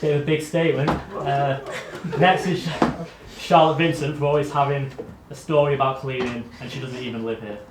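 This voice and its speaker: A man's voice: medium pitch, steady tone, normal speed. Dry-voiced man reading out nominees. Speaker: awards presenter. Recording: echoey room from far off with noise.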